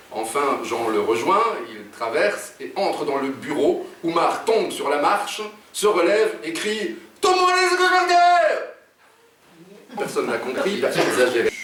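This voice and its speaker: Belgian author reading aloud in an echoey room. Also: male voice. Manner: lively reading, raises pitch for characters. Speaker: author reading his novel. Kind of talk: author talk and book reading. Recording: echoey room, distant mic, faint noise.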